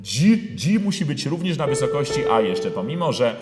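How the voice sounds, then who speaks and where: A man's voice: mid-range voice, very animated, over music. Man teaching singing in an echoey hall. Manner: explains slowly with many fillers, then sings phrases in full voice. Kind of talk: singing lesson with sung demonstrations. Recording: roomy hall with long reverb.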